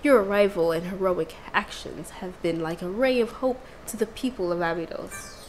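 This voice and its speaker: A woman voicing a tired, formal city mayor, reading his lines in a measured way. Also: mid-range voice, slight background noise, lightly acted, rough recording. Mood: solemn. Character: weary, formal city mayor, older man. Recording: game music underneath.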